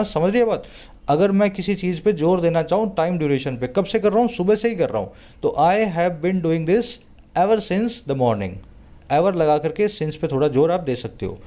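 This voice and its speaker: A man teaching English in Hindi. He reads a newspaper editorial aloud slowly and explains each word, often asking the viewer rhetorical questions. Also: high voice, mellow. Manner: explains word by word, slows sharply to read English passages. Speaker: English tutor.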